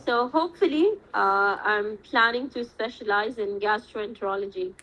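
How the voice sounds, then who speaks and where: A woman's voice: mid-range voice, normal speed, a bit bright, a little hiss or hum, poor audio. A woman in her twenties from Saudi Arabia, a medical student giving earnest, reflective interview answers at length.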